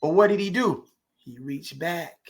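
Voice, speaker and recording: Speaking unhurriedly in a notably high-pitched voice, an actor appears as a podcast guest for a conversational interview. His storytelling is loose, dotted with rhetorical questions and little check-ins that help make his point.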